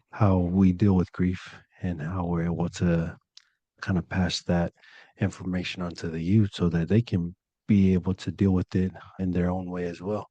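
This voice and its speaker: A young Polynesian man from California, co-hosting a podcast in a relaxed, slangy and earnest way. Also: sits low, no room sound. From Polynesian, living in California. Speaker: podcast co-host. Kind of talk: casual podcast talk.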